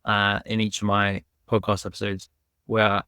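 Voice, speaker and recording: A man's voice: on the low side, completely flat delivery, moderate pace, sharp tone, smooth, dry recording, studio quality. A man hosting a podcast who asks his guest questions in an easygoing, conversational way. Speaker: podcast host. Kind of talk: podcast interview.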